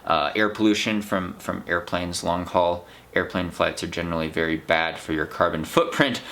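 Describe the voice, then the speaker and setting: An American man with a slightly low-pitched voice talks through his thoughts as a vlogger. His delivery is casual and unscripted, earnest and reflective, wandering from one clause to the next. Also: normal speed, creaky, a bit bright. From United States. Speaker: vlog host, trail runner. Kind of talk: casual unscripted vlog monologue.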